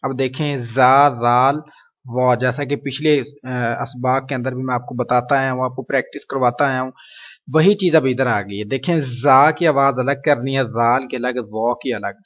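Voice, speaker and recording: A man teaching Quran reading, slowly modeling each letter sound and then explaining it. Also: mid-range voice, muffled recording. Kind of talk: teaching Arabic letter pronunciation.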